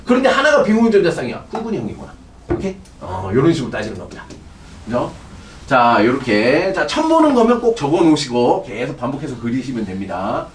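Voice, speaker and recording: A man's voice: mid-range voice, huge pitch swings, brisk, slight background noise. A middle-aged man teaching a chemistry class, lecturing animatedly and checking in with his students constantly. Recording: echoey room, distant mic.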